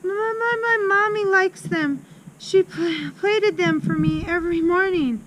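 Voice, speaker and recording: A woman voicing a terrified little girl who stutters. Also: measured pace. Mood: frightened. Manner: stuttering, high and frightened. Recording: loud background noise with passing traffic.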